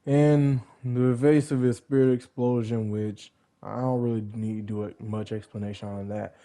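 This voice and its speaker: Young man, mellow and relaxed, casual rambling narrator who keeps correcting himself. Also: medium pitch, normal speed. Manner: rambling, self-correcting, joking asides. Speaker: fan content creator. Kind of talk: casual narration of fan backstory.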